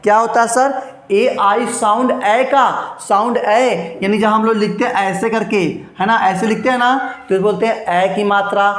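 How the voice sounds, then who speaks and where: A male teacher giving an English grammar lesson in Hindi, who asks himself questions, keeps repeating "understand", and stretches words slowly to show their sounds. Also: high voice, fairly even intonation, fairly bright tone. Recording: roomy, echoey room.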